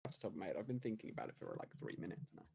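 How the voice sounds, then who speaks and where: A man's voice: low voice, wildly swooping pitch, racing, gravelly, warm tone, a little hiss or hum. A man in casual voice chat, explaining how the games usually go. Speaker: player in an online party game.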